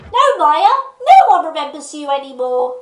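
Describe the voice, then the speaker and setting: A woman with a strikingly high voice delivers comedic film commentary as a show host. She is sarcastic and theatrical, leaning into mock drama. The recording has a noticeable room echo. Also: big pitch swings, normal speed. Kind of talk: scripted comedic review commentary.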